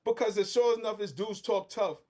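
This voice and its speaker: A man's voice: high voice, brisk. A middle-aged man from Brooklyn, a podcast guest talking in street slang, heated and fervent. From Brooklyn, New York. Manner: impassioned, street slang, rising to near-shouting. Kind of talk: casual podcast discussion.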